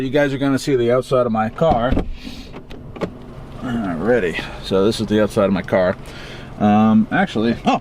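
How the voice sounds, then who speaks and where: A young man with a Massachusetts accent sits in his car on a rainy day, reviewing a cigar in a casual vlog chat. His mid-range voice rambles along loosely, swearing freely, with a little hiss or hum in the recording.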